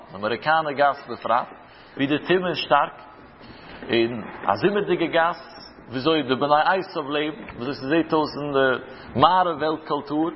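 A man's voice: on the high side, a little hiss or hum. A man giving a religious talk as a rabbi, teaching through anecdotes and rhetorical questions. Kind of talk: religious lecture with stories. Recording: reverberant hall, dull lo-fi sound.

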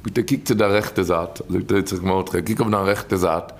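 Gravelly-voiced man giving a storytelling sermon. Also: steady tone, moderate pace, slight background noise. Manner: repetitive, emphatic, with sudden rises and drops in pitch.

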